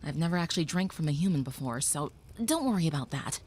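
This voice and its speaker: Voicing a young female vampire in an audio roleplay, a woman sounds gentle and protective, soft and reassuring, occasionally dropping to a whisper. She talks fast in a deep, expressive voice, and the audio is slightly rough.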